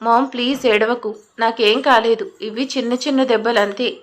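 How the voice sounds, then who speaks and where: A weary, injured young man from an audio drama, hesitating and stumbling over excuses, as a woman narrator voices him. The voice stays a little high. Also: fairly even intonation, normal speed, lightly acted. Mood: pleading. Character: tired injured young adult son, evasive.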